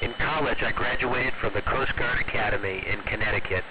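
A man who is an astronaut, answering students calmly over a radio transmission with static bursts and closing each answer with radio procedure words. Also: mid-range voice, fairly quick. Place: space station.

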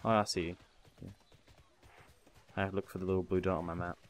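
A man with a fairly low voice carries casual gaming commentary. He swears freely, laughs often and reads the game's text aloud to his friend. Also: little pitch movement, fast talker, faint music behind. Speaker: gamer host.

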